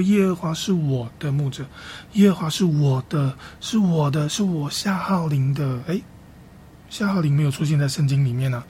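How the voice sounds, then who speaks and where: A man preaching a sermon as a pastor, teaching Bible reading with slow, repeated, emphatic phrases. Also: on the high side, dark tone, a little hiss or hum.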